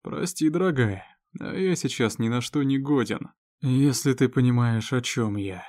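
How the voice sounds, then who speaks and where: Storybook drunk, read by a man: weary, hoarse, sarcastic, groaning. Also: medium pitch, measured pace, a little mellow, no echo, clean studio sound, close to an everyday voice.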